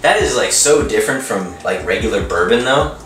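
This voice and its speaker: A man's voice: on the low side, lively intonation, brisk, fairly bright tone, slight background noise. A man in his twenties chatting in a laid-back, agreeable way as co-host of a casual review. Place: small room with home bar, indoors. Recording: roomy echo, slightly distant mic, music behind.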